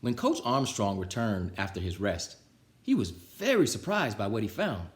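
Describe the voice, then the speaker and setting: Speaking at normal speed, a man with a lowish voice and big pitch swings reads a children's storybook aloud in an animated way. He also chats casually with his viewers and signs off, all recorded indoors at home with roomy echo.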